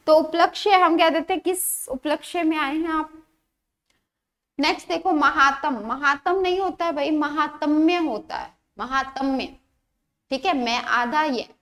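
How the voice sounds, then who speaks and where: A woman with a high, bright voice teaches an exam-prep grammar lesson. She explains patiently, repeats each word several times, and poses rhetorical questions to the listener along the way.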